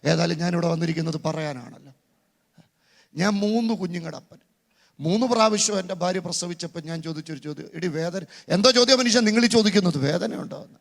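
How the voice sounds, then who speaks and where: A middle-aged man preaching a sermon as pastor, calling on the crowd to repeat lines in shouts. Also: sits high, fairly quick, vocal fry. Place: large church conference hall. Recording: long reverb of a large hall.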